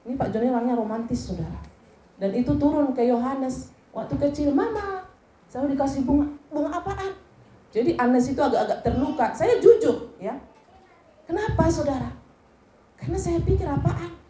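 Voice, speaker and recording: A woman pastor with a Batak accent, preaching a lively, jokey sermon and then leading a prayer. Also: high voice, brisk. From Indonesia. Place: church hall. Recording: echoey church with music behind.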